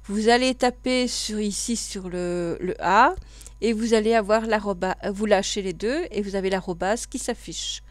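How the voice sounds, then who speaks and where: A woman with a Belgian French accent, calmly walking learners through keyboard use step by step in a computer class tutorial. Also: medium pitch, moderate pace, no echo. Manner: patient step-by-step explaining, with frequent fillers. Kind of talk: screen-recorded tutorial.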